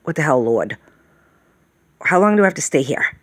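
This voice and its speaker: In a low-pitched, sing-song voice at a normal speed, a woman in her late fifties rambles casually as a vlogger. She sighs often and keeps asking "okay?" and "all right?", with no echo in the audio.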